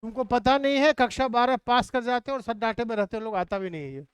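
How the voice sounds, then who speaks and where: Crisp-voiced teacher drilling recitations. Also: medium pitch, dry recording. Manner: drills students in call-and-response recitation; chanting lists and mnemonics slowly. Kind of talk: live online class.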